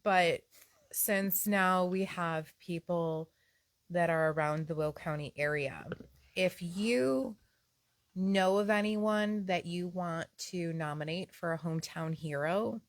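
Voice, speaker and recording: A woman's voice: fairly low pitch, takes it slowly, dry recording. A woman co-hosting a casual home podcast, chatting and teasing her husband in a rambling way. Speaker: podcast co-host. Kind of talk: casual couple banter. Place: at home on a Sunday.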